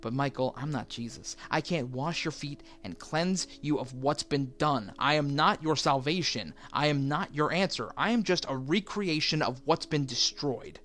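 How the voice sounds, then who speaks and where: A man voicing a sinister, seductive male apparition who smokes and taunts in a slow, purring, mocking way, over faint music. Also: on the high side, fairly bright tone, a little hiss or hum, close to an everyday voice. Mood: menacing. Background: faint background music.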